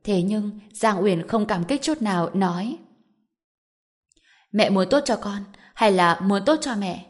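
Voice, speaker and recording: A woman reading a web novel audiobook in a steady, even narration. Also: medium pitch.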